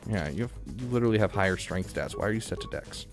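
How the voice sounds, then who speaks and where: A man's voice: fairly low pitch, animated, fast, over music. A man streaming a video game, chatting casually and rambling with lots of fillers. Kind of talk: casual gaming stream chat.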